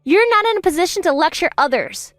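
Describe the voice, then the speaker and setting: A woman's voice: fairly high pitch, lively intonation, moderate pace, no echo, studio quality, faint music behind. A woman voicing a selfish, spiteful wife in her fifties who turns defensive and self-pitying in a story drama. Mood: pleading.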